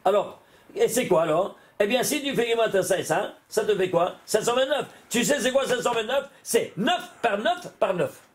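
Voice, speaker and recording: A man, a rabbi, giving an animated Torah lesson, often exclaiming and putting questions to his listeners. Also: high voice, normal speed.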